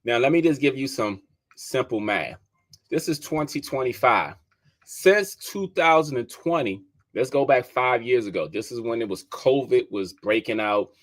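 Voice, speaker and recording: A DC guy who's a podcast host and real estate agent talks casually to his listeners in a medium-pitched voice with lively intonation and a moderate pace. He's chatty and conversational, calls everyone "y'all," and repeats his numbers for emphasis. He keeps sneezing.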